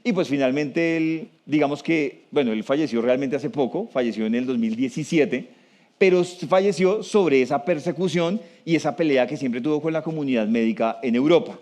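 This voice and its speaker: A man with a fairly high voice gives a talk to a live audience. He speaks conversationally, often turns to the room with questions, and slows down to stress key points. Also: a little mellow. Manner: slows down for emphasis.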